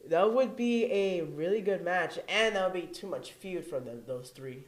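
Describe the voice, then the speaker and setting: A man co-hosting a casual podcast, relaxed and agreeable. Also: sits high, normal speed. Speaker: podcast co-host. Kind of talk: casual wrestling chat. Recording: echoey room.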